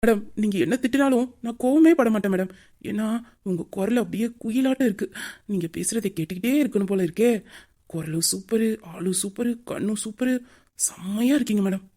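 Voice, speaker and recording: A woman voicing a leering young man who harasses a woman, with sly muttered asides and fawning flattery, in an amateur audio drama. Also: mid-range voice, a little fast, lightly acted.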